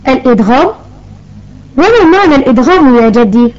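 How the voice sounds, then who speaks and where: A woman's voice: sits high, expressive, fairly quick, a crowd in the background. A woman voicing a curious young granddaughter who asks eager questions and carefully repeats examples. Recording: dull lo-fi recording.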